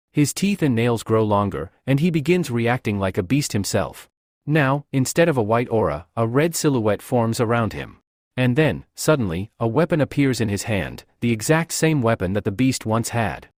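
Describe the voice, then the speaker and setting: A man narrating a comic recap in an even, storytelling delivery. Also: mid-range voice, no room sound, studio quality.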